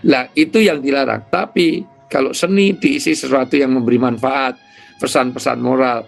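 A man, an Islamic cleric, explaining ideas in an interview with lively storytelling. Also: mid-range voice, normal speed, vocal fry, soft background music. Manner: lively storytelling with imitated sounds.

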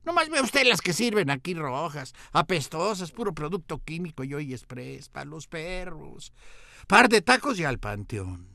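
A man voicing a loud male restaurant patron who boasts about food and sneers at the local dishes. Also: fairly high pitch, sing-song, a little slow, vocal fry, dry recording, voice pushed up, full character voice. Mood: boastful. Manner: shouting, boastful praise and disgust.

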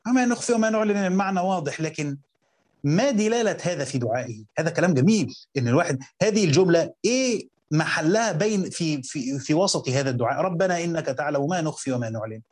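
A man with an Egyptian Arabic accent teaching a Quran commentary lesson, reading quotes slowly and then explaining them in colloquial talk while questioning his students. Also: fairly high pitch, expressive, darkish tone.

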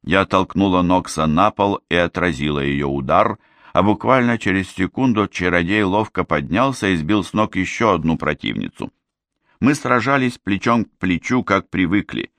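Male narrator, very low voice, measured read of a fantasy novel, dry close studio sound. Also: no room sound. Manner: steady, measured storytelling. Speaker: audiobook reader. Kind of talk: scripted narration.

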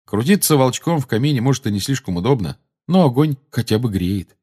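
A man narrating an audiobook in a measured storytelling manner. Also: medium pitch, sing-song, mellow, breathy edge. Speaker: audiobook reader. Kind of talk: scripted narration.

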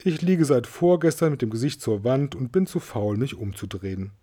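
A man's voice: mid-range voice, expressive, moderate pace, mellow, natural voice. A man voicing a sleepy, very fat and lazy male president who sighs and talks sluggishly in a storybook reading. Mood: drowsy. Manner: sluggish, drowsy sighing.

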